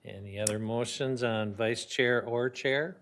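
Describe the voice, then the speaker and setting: Man, mid pitch, chairs a council-chamber meeting, plain procedural delivery with small halts. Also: steady tone, a bit bright, a little hiss or hum. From Minnesota. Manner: plain, procedural, slightly halting.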